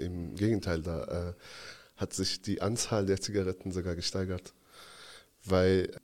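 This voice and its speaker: Low-voiced guy in his twenties from afghanistan, podcast guest, lots of ums, thoughtful. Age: 20s. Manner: hesitant, reflective, many fillers. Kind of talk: casual interview talk.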